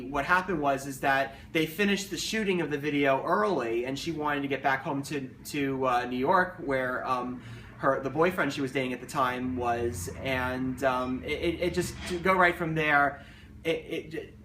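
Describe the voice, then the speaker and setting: A man co-hosting with unscripted explanations, talking haltingly and repeating words as he goes. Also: medium pitch, pushed and bright. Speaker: co-host. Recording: distant mic, background noise.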